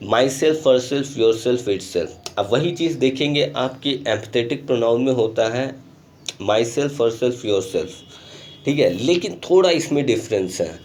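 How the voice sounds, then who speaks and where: A male school teacher giving a recorded online grammar lesson, explaining patiently and mixing English terms into his explanations, often pausing to check in with the class. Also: mid-range voice, lively intonation, darkish tone, a little hiss or hum. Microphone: screen recording.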